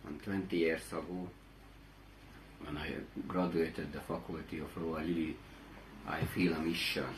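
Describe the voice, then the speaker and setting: A man in his forties with a Hungarian accent, giving a personal testimony in halting, non-native English. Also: rumbling low, level tone, slight background noise, poor audio. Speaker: guest speaker.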